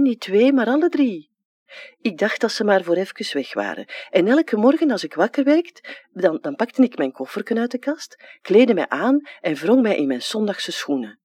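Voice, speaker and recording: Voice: darkish tone, breathy edge, no room sound. A reader voicing a wistful dead Flemish man. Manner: childlike, jumping pitch, plain dialect talk. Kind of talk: dramatic literary reading.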